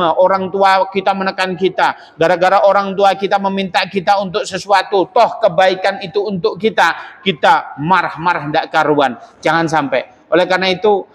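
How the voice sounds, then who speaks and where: High-voiced male preacher in a reverberant hall. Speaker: Islamic preacher. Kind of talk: storytelling sermon.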